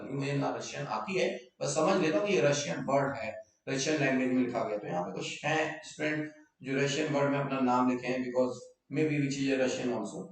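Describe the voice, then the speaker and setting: बहुत गूंजते कमरे में ऊँची आवाज़ वाला शिक्षक. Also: male voice, on the high side, recorded from a distance. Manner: explains in mixed Hindi and English, repeats key terms, invites student questions. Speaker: biology teacher. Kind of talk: online live class lecture. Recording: very echoey room, voice off-mic.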